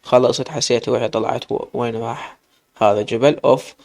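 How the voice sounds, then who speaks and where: Fast gravelly Iraqi storyteller man. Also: medium pitch, steady tone, darkish tone. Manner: emotional first-person narration. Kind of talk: dramatic story reading.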